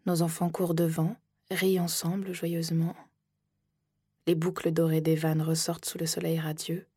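A woman narrating an audiobook in the first person, soft and measured, often slipping into whispers. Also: deep voice, little pitch movement, husky, dry recording, clean studio sound.

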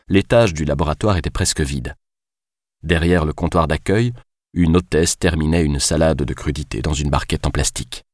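A man narrating a novel as an audiobook in a measured, even way. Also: rumbling low, dry recording, studio quality.

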